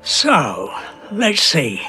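A man's voice: a little high, huge pitch swings, very slow, loud music behind the voice, heavily acted. An actor playing a fussy, jolly and slightly pompous stepfather, keen on home restoration. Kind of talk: drama acting.

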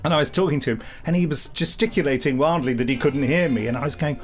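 Here the same English-accented, middle-aged podcast co-host sounds slightly high and speaks quickly over soft background music. His talk meanders playfully from joking chatter to pompous, tongue-in-cheek scripted announcements.

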